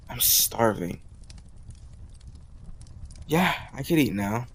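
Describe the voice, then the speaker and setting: Slight background noise sits under this man's low, heavily fried voice as he plays a college guy with a crush. The romantic audio roleplay comes across as teasing, confident, and intimate, flirty and upbeat throughout.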